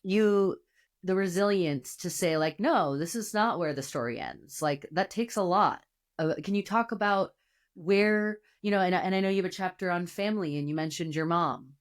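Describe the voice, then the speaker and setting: A woman's voice: on the low side, moderate pace. A woman hosting an inspirational podcast interview, asking long, searching questions full of fillers. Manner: warm, rambling questions with fillers. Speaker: podcast host. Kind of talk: conversational interview.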